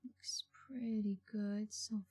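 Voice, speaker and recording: This woman's medium-pitched voice holds a steady tone as she performs a gentle, breathy ASMR scene. Cast as a calm, reassuring call center agent, she takes her time with each phrase and offers quiet murmured acknowledgements.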